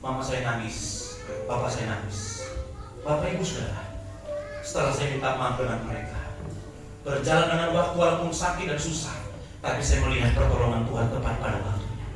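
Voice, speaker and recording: A man in his forties preaching a Christmas Eve sermon, moving between quiet personal storytelling and loud shouted exhortation. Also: mid-range voice. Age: 40s. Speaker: pastor. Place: large church hall. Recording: echoey church hall, mic from a distance, music behind.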